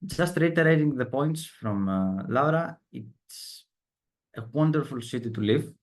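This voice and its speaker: Slow-talking young man with Balkan accent. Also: mid-range voice, lively intonation. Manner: hesitant, many fillers, laughs at himself. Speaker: student ambassador. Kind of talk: casual testimony on a video call.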